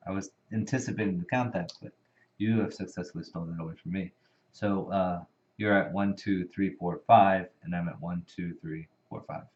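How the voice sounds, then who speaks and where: A man's voice: sits low, fairly even intonation, moderate pace, a little mellow. A man who knows the game well, patiently explaining the rules in casual board game chat, with many fillers. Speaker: experienced player explaining rules. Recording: dull lo-fi recording.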